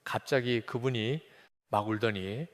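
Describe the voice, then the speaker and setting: A man's voice: medium pitch, measured pace, fairly bright tone, in a large hall. A man, a pastor, giving a personal testimony in a sermon, telling the story earnestly and acting out the voices and prayers in it.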